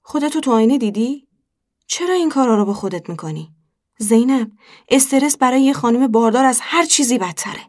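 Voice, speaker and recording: A woman voicing a firm, caring midwife friend, speaking earnestly and a little louder than the narration around her. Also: a little high, animated, pitched above the performer's own voice. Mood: scolding.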